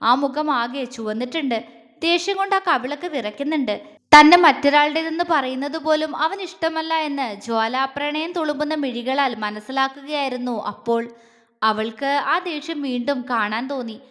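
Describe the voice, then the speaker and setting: A woman storyteller with a high voice narrates a romantic audio series in a gentle, even way. A long reverb trails each phrase. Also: normal speed.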